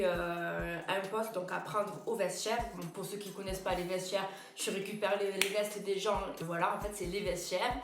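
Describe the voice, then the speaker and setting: A young woman vlogger telling a story in a chatty, slangy way, bursting into loud, indignant quotes. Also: medium pitch, echoey room. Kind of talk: casual storytime to camera.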